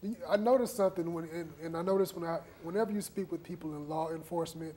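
A man's voice: a little high, fast, dark tone, husky. Man hosting a studio interview. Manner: affirming, conversational, summarizing guests' points. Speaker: TV talk show host. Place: TV studio set. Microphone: lapel mic.

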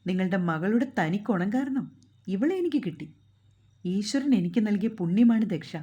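A woman storyteller voicing a stern, short-tempered young husband who scolds and gives orders in a gruff way. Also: medium pitch, lively intonation, moderate pace, mellow, lightly acted. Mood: angry.

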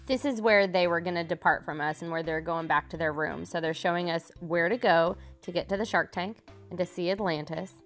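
Female travel vlogger, lower-pitched voice, casual and chatty narration, music underneath. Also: fairly quick, hardly any pauses. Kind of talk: casual vlog narration over travel footage.

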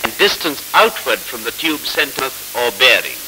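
Over the crackle of an old film soundtrack, a male narrator explains a 1940s instructional film in a measured, formal style. His pitch is medium, but it swings widely, and his tone is sharp.

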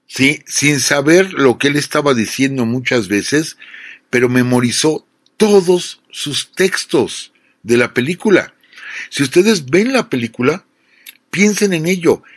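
A male radio host with a Mexican accent tells stories in a chatty way and keeps turning to his listeners as friends. His voice sits at a middling pitch. It is recorded dry and close, with no room sound. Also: no echo. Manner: talks straight to listeners as friends, with rhetorical check-ins. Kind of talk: conversational storytelling on film history.

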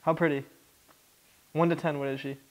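A man's voice: on the high side, flat delivery, normal speed, poor audio. A young American man chatting casually for a vlog in a joking, slangy way. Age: young adult. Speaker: vlogger.

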